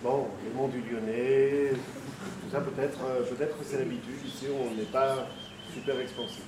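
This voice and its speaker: A man singing on stage with a band, teasing the audience in a dry, deadpan way between songs. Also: medium pitch, normal speed, recorded from a distance, noisy background. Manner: wry, teasing deadpan banter with the crowd. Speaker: stage singer and bandleader. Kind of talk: live stage banter and singing. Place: live concert stage with accordion band. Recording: live stage recording, roomy, loud accordion music.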